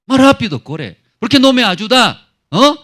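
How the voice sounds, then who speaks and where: A man acting out an impatient, ungrateful sick man who shouts complaints and demands help. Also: very high-pitched, big pitch swings, a little slow, pitched above the performer's own voice, heavily acted. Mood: angry demanding.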